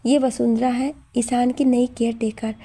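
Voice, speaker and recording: A caring young housewife in an audio story, voiced by a woman. She speaks gently and affectionately in a slightly high, mellow voice. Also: flat delivery, measured pace, slightly rough.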